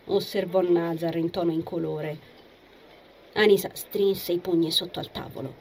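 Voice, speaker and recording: A woman narrating an audiobook in a measured, expressive reading. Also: fairly low pitch, slight background noise.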